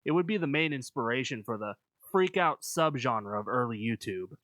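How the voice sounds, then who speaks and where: A man reading scripted video essay narration in a measured, explanatory manner. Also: medium pitch, expressive, fairly bright tone, dry recording.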